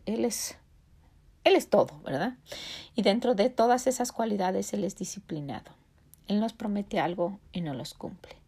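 Gravelly older woman giving earnest advice. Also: medium pitch. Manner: earnest, speaks straight to the listener. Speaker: podcast host giving life advice. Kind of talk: casual motivational talk with faith themes. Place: home, Illinois.

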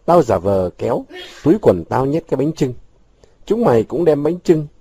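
A man's voice: medium pitch, big pitch swings, mellow, slightly rough, voice pushed up. A man reading aloud, voicing a bold, bossy village boy who makes plans for his friends. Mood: eager. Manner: bossy, quick-witted.

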